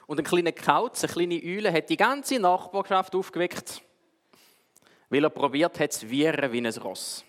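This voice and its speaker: A preacher who speaks in a lively, animated storytelling manner, his pitch swinging widely. His voice sits a little high for a man. It carries a long reverb from a large hall. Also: moderate pace. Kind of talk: sermon with a told story.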